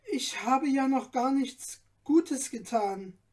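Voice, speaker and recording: A woman's voice: sits high, expressive, slow pace, a little mellow, far from the mic, pitched above the performer's own voice, full character voice. A woman voicing a modest, poor young man in a storybook reading, speaking plainly and earnestly. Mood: earnest, humble.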